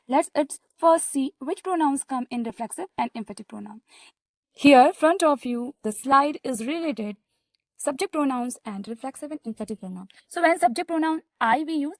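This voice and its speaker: A young woman with an Indian English accent teaches a grammar lesson in a high voice with a gravelly edge. She moves step by step and punctuates her points with "okay." The recording is dry and close. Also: dry recording. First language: Hindi. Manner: explains step by step, mixing English and Hindi, frequent "okay".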